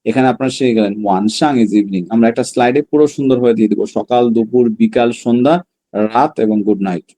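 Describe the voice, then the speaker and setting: Mellow-voiced man teaching a language class. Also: mid-range voice. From Bangladesh. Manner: drills words slowly, then explains in quick bursts. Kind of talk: online class lesson.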